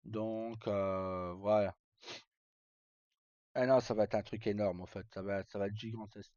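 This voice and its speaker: A man live-streams in a fairly low, flat voice with a measured pace and a dark tone, through a roomy, dull lo-fi stream mic. He chats casually to viewers and explains things informally, hesitating and repeating himself.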